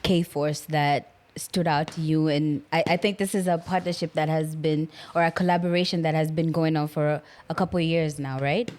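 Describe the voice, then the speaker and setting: A woman's voice: low-pitched, steady tone, moderate pace, a little mellow. A woman with a Kenyan accent hosting a casual interview in a teasing, slangy way. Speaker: podcast host.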